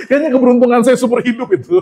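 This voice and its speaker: High-voiced man preaching conversationally. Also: warm tone. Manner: conversational storytelling, often addressing the congregation; humorous and self-mocking. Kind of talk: sermon.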